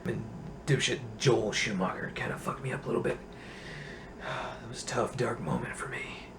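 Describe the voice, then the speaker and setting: A man playing a crude, bitter Batman with a raspy voice in a comedy sketch interview. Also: medium pitch, moderate pace, noisy background, voice pushed down, lightly acted. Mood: deadpan. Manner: profane, grumbling, dry. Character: gruff grown male Batman, crude and bitter.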